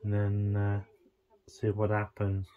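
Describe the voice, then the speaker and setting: A man vlogging a casual tech walkthrough, thinking aloud in a halting, rambling way. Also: fairly low pitch, completely flat delivery, narrow, tinny audio.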